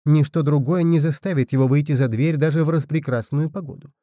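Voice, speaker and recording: A grieving old widow and mother, lamenting and scolding, as a male narrator puts her on. Her voice sits above his own in pitch and keeps a very dark, mellow tone, recorded dry and close. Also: steady tone, fairly quick, dry recording, natural voice.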